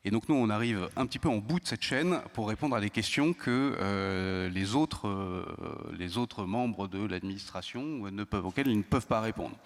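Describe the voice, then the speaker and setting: A man speaking on a conference round-table panel, measured and hesitant, with frequent pauses and restarts. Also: lowish voice. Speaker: intelligence service panelist. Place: conference hall. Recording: long hall reverb.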